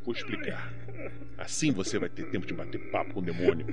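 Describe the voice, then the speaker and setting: An actor in a crime audio drama playing a vengeful enforcer, taunting, sardonic and foul-mouthed, speaking deliberately. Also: male voice, deep voice, huge pitch swings. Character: menacing, vengeful male enforcer avenging his brother. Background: music.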